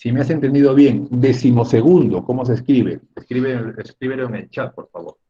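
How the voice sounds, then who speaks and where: A man's voice: mid-range voice, moderate pace, dark tone, slightly rough, highs cut off. A man teaching a spelling lesson in an online class, chatty and joking with his students over a computer mic.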